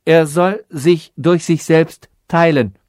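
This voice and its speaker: Storybook: man doing a cunning, pompous female calculating machine, lofty and scheming, slightly raised pitch. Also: slow, a little mellow, no echo, clean studio sound. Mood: instructing.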